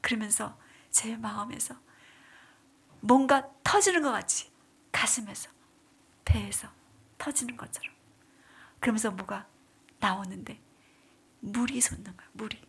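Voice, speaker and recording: 높은 목소리로 속삭이다 외치는 여성 간증자. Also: female voice, fairly high pitch, measured pace, pauses often, breathy edge. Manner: dramatic, drops to whispers then rises into pleading cries. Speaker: deaconess giving testimony. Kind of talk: emotional church testimony.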